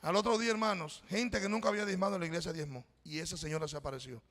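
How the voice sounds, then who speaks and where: A man's voice: high-pitched, steady tone, rapid-fire, a bit bright. A middle-aged man preaching a sermon as a pastor, telling a personal story in a conversational way and calling the congregation brothers. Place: church. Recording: reverberant church hall.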